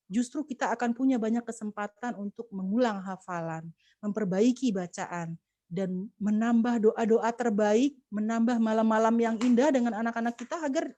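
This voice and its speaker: A woman's voice: on the high side, warm tone, no echo. A woman speaking as a communication expert on a video call webinar, giving earnest, preachy advice to mothers with many fillers and restarts.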